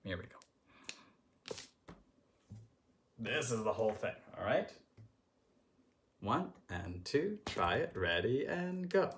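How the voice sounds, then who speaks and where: A man's voice: fairly low pitch, sing-song, takes it slowly, long pauses, fairly bright tone, a little hiss or hum. A man teaching third graders a music lesson, chanting rhythm syllables and encouraging the children.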